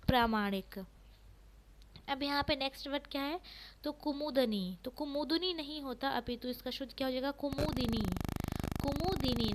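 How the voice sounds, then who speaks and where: A woman teaching an exam-prep spelling lesson, asking each question and repeating the answer slowly. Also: high-pitched, rough recording.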